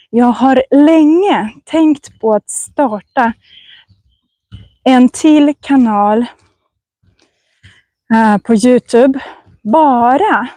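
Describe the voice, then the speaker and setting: Slow-spoken woman teacher, vlogging outdoors. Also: on the high side, warm tone, no echo. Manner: slow, careful speech with many restarts. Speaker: language teacher. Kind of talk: slow vlog chat for language learners. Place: outdoors on a forest path.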